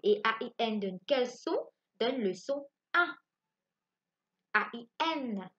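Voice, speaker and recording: Slow, bright-voiced woman teaching phonics. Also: a little high, expressive, dull audio. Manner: slow, spelling out letters and asking checking questions. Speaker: primary school teacher. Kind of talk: French phonics lesson for young children. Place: home.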